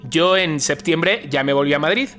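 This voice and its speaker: A man's voice: on the high side, moderate pace, soft background music. A man telling a story in a casual chat, acting out the voices in what he quotes. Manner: animated, acts out quoted dialogue.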